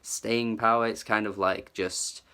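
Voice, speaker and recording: A man's voice: fairly low pitch, flat delivery, a little slow, sharp tone, clear, resonant tone. A man giving a casual, enthusiastic album review, full of "like" and "kind of" as he talks it through. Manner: chatty, filler-heavy, hedging with "like" and "kind of". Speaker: music reviewer.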